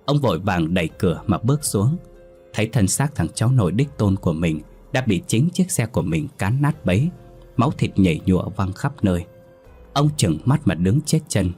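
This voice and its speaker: A man narrating a horror story in a measured, dramatic way. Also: sits low, very animated, a little mellow, soft background music.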